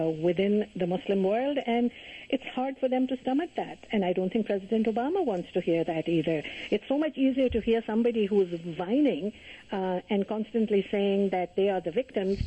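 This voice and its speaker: An older woman from Pakistan, a guest calling in to a radio talk show, speaking earnestly and in measured phrases with frequent pauses. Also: medium pitch, mellow, breathy edge. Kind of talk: phone-in radio interview. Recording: muffled phone line.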